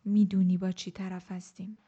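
A woman reading an audiobook, voicing a cold, commanding man who speaks curtly and slowly. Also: level tone, warm tone, slightly rough, muffled recording, natural voice. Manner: slow, low-keyed, curt. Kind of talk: audiobook character voice.

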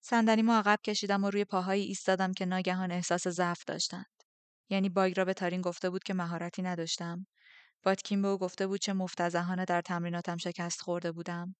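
Low-pitched woman narrator, steady subdued reading; dry, close. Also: clear, resonant tone, no echo. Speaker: audiobook narrator. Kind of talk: scripted first-person narration.

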